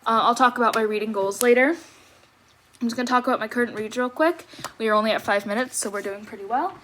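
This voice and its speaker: A woman's voice: fairly high pitch, fast, a bit bright, a little hiss or hum. A young adult woman chatting casually as a book vlogger, interrupting herself with apologetic asides, her speech slightly off after wisdom teeth removal. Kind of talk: casual chat to viewers. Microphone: tablet microphone.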